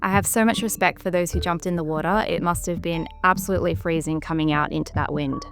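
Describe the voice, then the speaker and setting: A woman giving scripted travel narration in a measured, descriptive storytelling manner. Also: fairly low pitch, fairly even intonation, music in the background. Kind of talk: scripted documentary-style narration.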